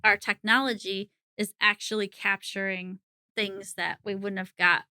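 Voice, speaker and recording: Middle-aged woman guest, bright forceful voice, dry close sound, chatty with frequent laughs. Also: mid-range voice, level tone, measured pace, clean tone, no room sound. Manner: chatty, laughs often mid-sentence. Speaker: psychic medium guest. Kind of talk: casual interview conversation.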